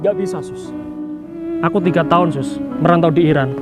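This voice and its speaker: A man's voice: fairly high pitch, fairly quick, over loud music, lightly acted. A man playing a wronged husband just back from work abroad, who pretends to be blind and reproaches his wife and her family in a pleading, indignant way. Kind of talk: amateur skit acting.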